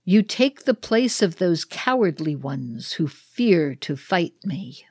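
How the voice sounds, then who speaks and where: A woman voicing a cruel, cold dragon of winter in a read-aloud ritual play, slow and threatening. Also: on the low side, sing-song, a little mellow, slightly rough, dry recording, studio quality, heavily acted. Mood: menacing.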